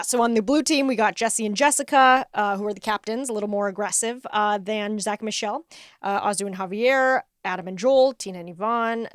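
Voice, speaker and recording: A woman's voice: mid-range voice, dry recording, studio quality. A woman co-hosting a podcast, recapping a cooking show playfully with many fillers. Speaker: podcast co-host. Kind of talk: casual chat.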